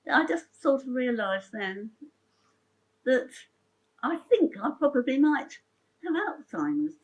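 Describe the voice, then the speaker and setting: Chatty, heartfelt older woman with a high voice. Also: very animated, slow pace, lo-fi sound. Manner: chatty, rambling, with frequent restarts; emotional and heartfelt. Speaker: interviewee sharing her story. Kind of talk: personal storytelling interview.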